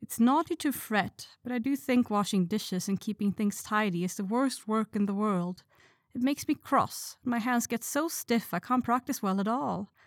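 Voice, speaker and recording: A woman doing shy gentle Beth. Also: a little high, normal speed, dry recording, clean studio sound. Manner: soft, sighing. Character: shy gentle teenage girl, contented.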